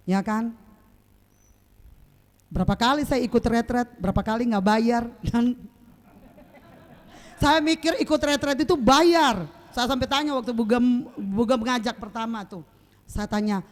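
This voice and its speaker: A woman preaching a sermon in a lively, storytelling way, acting out moments with sound effects and often asking the congregation to agree. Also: fairly high pitch.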